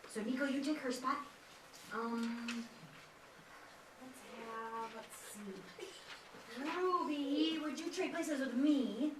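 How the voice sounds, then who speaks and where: A woman's voice: sits high, slow pace, long pauses, noisy background. A woman leading a kindergarten music lesson, chanting and singing simple tunes and coaxing the children in a sing-song teacher voice. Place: indoor classroom. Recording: echoey room, voice from far off.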